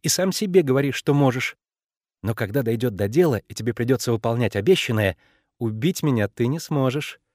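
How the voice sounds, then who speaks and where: A bossy, precocious eight-year-old girl pushes her questions, her voice swinging lively up and down, as a man puts her on. It is an audiobook read dry and close to the mic, with a teasing, insistent edge. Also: medium pitch, dry recording, lightly acted. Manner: insistent, quick, conspiratorial questioning.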